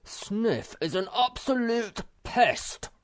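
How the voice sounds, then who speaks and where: A young male troll from a storybook, played by a woman, speaks in a raised, lively voice. He sounds boyish and earnest, protective and quick to fret, stressing his words emphatically. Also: low-pitched, creaky, no room sound, clean studio sound, voice pushed up, full character voice. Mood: furious.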